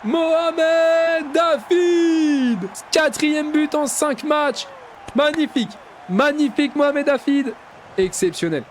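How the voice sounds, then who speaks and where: Very high-voiced hyped game commentator man. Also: slow pace, slight background noise. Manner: hypes goals with shouts and mock-commentator exclamations; drops to low, mumbled asides between bursts. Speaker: gaming YouTuber. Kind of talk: excited play-by-play commentary over a football video game.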